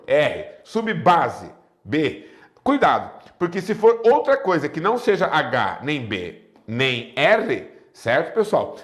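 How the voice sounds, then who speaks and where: Brazilian guy teaching grammar for exams, kinda high voice, bouncy, keeps going "right, folks?". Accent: Brazilian Portuguese. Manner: lively explanatory, asks rhetorical questions. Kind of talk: exam-prep grammar lesson.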